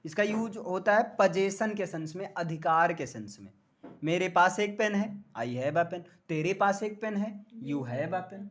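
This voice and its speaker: A man's voice: sits high, unhurried. A man teaching English grammar in a classroom lecture. He jokes often and keeps checking that the students understand.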